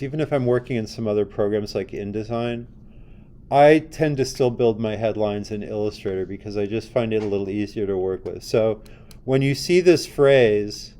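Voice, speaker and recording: In a classroom lecture with a screen demo, a man teaches design in a lowish, mellow voice. He keeps things conversational, putting questions to his students as he works.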